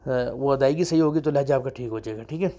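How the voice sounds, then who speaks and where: A man teaching in a casual spoken lesson, repeating them slowly and often checking "okay?". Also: mid-range voice, warm tone. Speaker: Arabic teacher.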